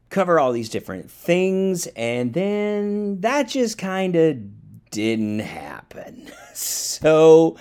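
Here a Southern podcast host talks at medium pitch with a slightly mellow quality. Speaking solo from his studio apartment, he meanders casually, chuckling and using fillers, a little worn out.

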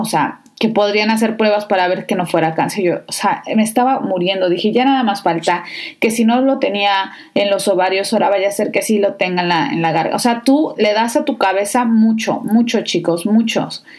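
A young woman hosting a podcast, telling her own story in a chatty, emotional way and talking straight to her listeners. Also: medium pitch. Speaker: podcast host. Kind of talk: personal storytelling.

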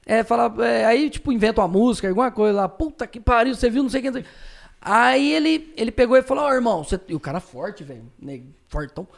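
A man telling profane, slang-heavy anecdotes as a streamer guest in a casual podcast chat, with sudden shouted outbursts. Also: very high voice, expressive, fast talker, vocal fry.

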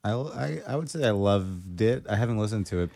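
A man's voice: fairly low pitch, lively intonation, a little fast, gravelly, a little mellow, no echo. A man co-hosting a podcast, laid-back and dry, swearing casually and explaining things at length. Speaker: podcast co-host. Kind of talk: casual chat.

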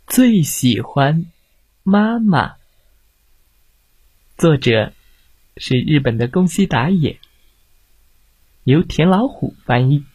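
Guy reading a bedtime story to kids, soft and lilting, kinda husky, close dry sound. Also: on the high side, very animated, slow pace, pauses often, no echo. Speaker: storyteller host.

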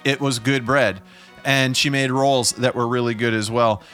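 A man's voice: mid-range voice, fairly even intonation, normal speed, a bit bright, soft background music. A man chatting casually on a podcast, telling stories and poking fun at himself. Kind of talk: casual chat.

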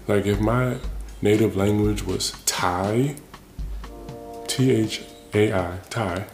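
This podcast host's voice sits on the low side, gravelly and mellow, in a roomy-sounding space. Alone at the mic, he reflects casually, thinking aloud and frequently restarting his thoughts.

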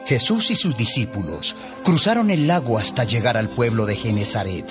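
Man reading a bible audiobook, really lively up and down voice, music playing under it. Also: mid-range voice, normal speed. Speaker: narrator. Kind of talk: scripted Bible audiobook narration. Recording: narration over background music.

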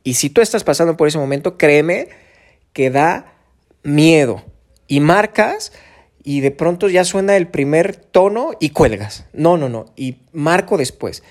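A podcast host with a Mexican Spanish accent delivers a solo monologue on sales in a rather high, expressive voice at a slightly slow pace. He speaks conversationally in a coaching tone, tossing out rhetorical questions and casual fillers.

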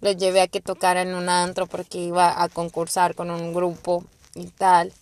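A woman's voice: on the low side, normal speed, dry recording. A young woman with a Mexican accent hosting a podcast, telling personal stories in a rambling, profane way and acting out the people she quotes. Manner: rambling, profane, animated quoting. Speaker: podcast host. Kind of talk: casual personal storytelling.

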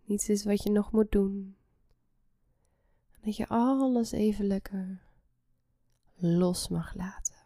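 A woman guiding a relaxation meditation in a soft, soothing, breathy half-whisper. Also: medium pitch, slow, pauses often, no echo, clean studio sound. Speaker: guided meditation host.

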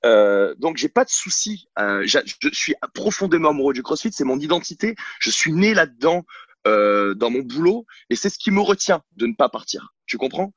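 A man's voice: a little high, big pitch swings, moderate pace, a bit bright, breathy edge, no echo, highs cut off. A man working as a sports coach, guest on a podcast, talking bluntly and outspokenly in a casual interview, with many hesitations and restarts. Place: at home on a couch, filming himself. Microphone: camera mic.

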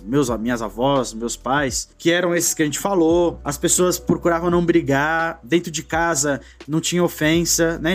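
A man in his forties with a Brazilian Portuguese accent tells a story on a casual talk show. His voice sits a little high, and he speaks in a reflective way, tagging his sentences with a quick "né". Faint music plays softly behind him. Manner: reflective, often adds "né" and trails off.

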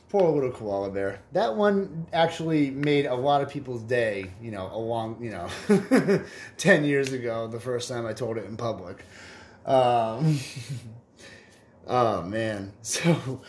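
A laid-back male podcast host telling dirty jokes in a loose, rambling manner. He chuckles at his own punchlines, and his voice sits at a middle pitch. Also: a little mellow. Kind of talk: casual joke telling.

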